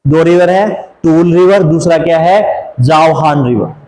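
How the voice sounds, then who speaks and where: A man's voice: on the high side, unhurried, a little mellow, echoey room, poor audio. A man teaching geography from a map, asking rhetorical questions, drawling and repeating place names, and mixing in English phrases. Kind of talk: map lesson for exam students.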